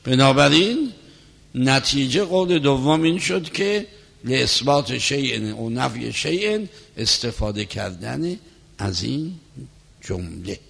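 A man giving a religious lecture on law as a cleric, explaining points in a measured, teacherly way. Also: mid-range voice, sing-song, creaky, slightly rough. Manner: measured, explanatory lecturing, recites scripture softly. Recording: long hall reverb.

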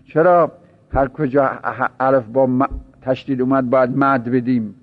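A man's voice: medium pitch, steady tone, faint music behind. A man teaching an informal seminary lecture, explaining points in a conversational way with repeated examples and chuckling anecdotes, on a dull lo-fi recording. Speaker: religious teacher.

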